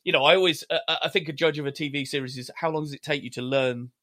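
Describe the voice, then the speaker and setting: A man's voice: on the high side, fast talker. Laid-back man discussing a series. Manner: relaxed, conversational, occasional swearing. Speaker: podcast co-host. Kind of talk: casual TV review chat.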